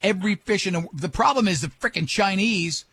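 A man's voice: high-pitched, animated, fairly quick, a bit bright, slightly rough. A man hosting a morning radio show, joking brashly and talking over his guests.

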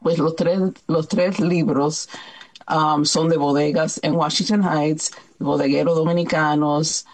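A woman's voice: deep voice, little pitch movement, a little slow, darkish tone, husky. A woman from New York, a children's book author, talking in a radio interview and stopping now and then to search for words.

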